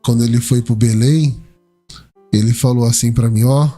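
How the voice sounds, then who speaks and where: A man's voice: medium pitch, fairly even intonation, moderate pace, dark tone, breathy edge, soft background music. A man with a Brazilian Portuguese accent hosting a casual church podcast interview, answering the guest with short church affirmations. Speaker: podcast host.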